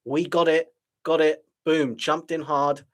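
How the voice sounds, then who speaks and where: A man's voice: a little high, level tone, measured pace. Frustrated man streaming live trades. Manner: frustrated, self-deprecating musing with sighs. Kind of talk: live trading commentary to viewers.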